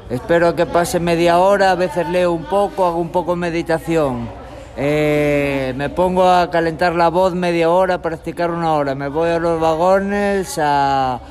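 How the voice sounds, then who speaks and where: A young man from Galicia, a street guitarist, talking in a relaxed, rambling way in an outdoor tunnel. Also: fairly high pitch. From Galicia, Spain. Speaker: street musician. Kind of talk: street interview. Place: tunnel in a city park, outdoors.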